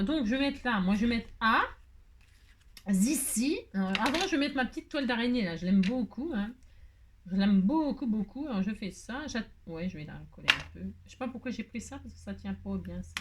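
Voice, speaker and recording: A French woman hosting a casual craft tutorial, talking hesitantly with lots of fillers and laughing at herself. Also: mid-range voice. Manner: chatty, hesitant, fills with "euh" and "hein". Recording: faint background noise and clicks.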